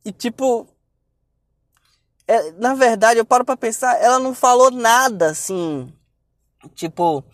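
A man's voice: very high-pitched, measured pace, long pauses, no room sound. A young man speaking in a casual monologue, blunt and profane, rambling and repeating himself.

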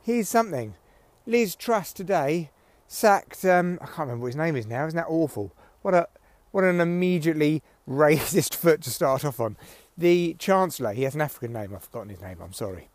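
A man with a slightly high voice delivers a loose, opinionated solo podcast rant with some swearing. He talks into headphones used as his mic, so the sound is close and dry. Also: expressive, fairly quick, few pauses, dry recording. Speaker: podcast host, comedian. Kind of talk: rambling solo podcast monologue. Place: outdoors in windy weather. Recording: recorded through headphone mic, rustly clicks.

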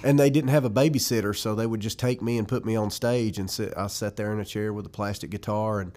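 A man's voice: lowish voice, steady tone, fast, a little mellow. A man in his forties from Western North Carolina with a Southern Appalachian accent, reminiscing casually in an interview as a musician guest. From Western North Carolina, United States. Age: 40s.

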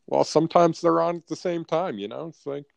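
A man's voice: on the high side, brisk, vocal fry, no room sound. A North American man in casual sports chat as a podcast co-host, blunt and profane with frat-bro banter.

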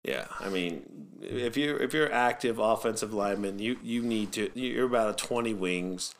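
Low-voiced man, jokey and opinionated. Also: moderate pace. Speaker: football coach, podcast host. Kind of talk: casual podcast chat.

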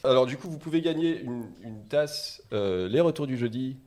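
A man's voice: medium pitch, lively intonation, moderate pace, darkish tone. A man hosting a casual chat about a film, laughing easily and teasing his co-hosts. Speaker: show host.

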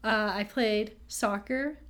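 A young Texan woman co-hosts a casual podcast, chatty and upbeat, poking fun at herself and laughing often. Her mid-range voice is slightly bright, and she takes her time speaking.

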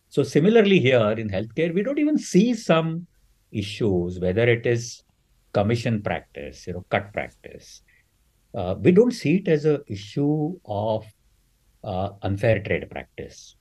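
A man's voice: medium pitch, darkish tone, poor audio. A middle-aged man, a surgeon being interviewed, explaining in an earnest, emphatic way. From India. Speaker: surgeon and guest. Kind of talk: podcast interview.

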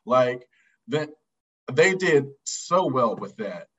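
A man on a casual movie podcast, speaking haltingly as he searches for words. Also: medium pitch, big pitch swings. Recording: dull lo-fi audio.

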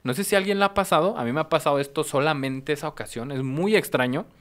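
A young man with a Mexican Spanish accent telling a story in casual podcast chat, animated and slangy, laughing as he goes. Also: fairly high pitch, quick pace.

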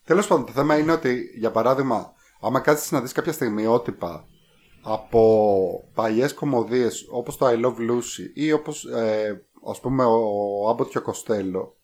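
A man's voice: mid-range voice, a little mellow. A man co-hosting a podcast, chatting casually about films and rambling with many hesitations. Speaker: podcast co-host. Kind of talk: casual film review chat.

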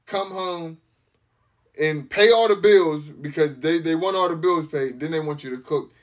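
A man on a casual podcast with a voice pitched a touch high. He tells stories frankly, slipping into other people's voices when he quotes them. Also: measured pace. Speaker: podcast co-host. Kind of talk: casual chat.

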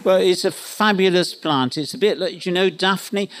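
A man's voice: sits high, moderate pace. A man giving unscripted advice as an expert panellist, opinionated and wandering off into anecdotes.

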